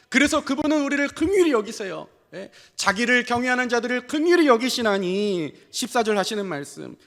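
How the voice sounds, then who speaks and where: Male pastor, very high and lively voice, animated sermon with rhetorical questions, long church-hall reverb. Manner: animated preaching with rhetorical questions and frequent affirming fillers. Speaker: senior pastor. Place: church sanctuary.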